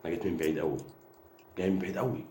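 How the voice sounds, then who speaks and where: Fast-talking taunting Egyptian football fan. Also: male voice, sits low. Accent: Egyptian Arabic. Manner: taunting, mocking rival fans; rapid, repetitive, animated delivery. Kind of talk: fan rant to camera. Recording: echoey room with background noise.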